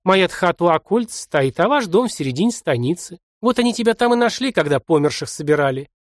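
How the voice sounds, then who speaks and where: A man's voice: high voice, sing-song, fast, dry recording, studio quality. Fussing old village grandmother, as a man puts her on. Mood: doting, tearful. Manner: folksy, sobbing, doting.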